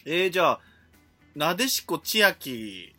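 A man, co-hosting a casual chat, lively and joking. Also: a little high, unhurried, faint music behind. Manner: lively, joking, laughs often. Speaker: podcast co-host.

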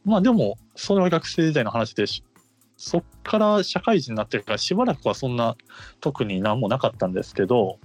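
A man with a Kansai accent and a mid-pitched voice chats casually on a podcast. His intonation moves up and down freely as he explains things conversationally, with music behind him. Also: big pitch swings, a little fast. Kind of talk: casual chat.

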